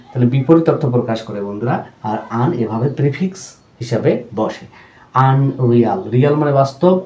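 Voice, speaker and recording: A man teaching English spelling and pronunciation rules in a video lesson. He keeps calling his viewers friends and repeats each example word slowly. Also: medium pitch, dark tone, echoey room, lo-fi sound. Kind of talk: explanatory lesson.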